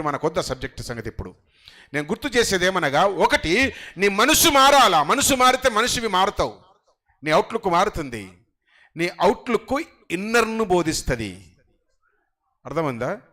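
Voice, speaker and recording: A middle-aged man preaching a sermon as pastor. He moves between quiet conversational asides and loud, rising emphatic passages. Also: sits high.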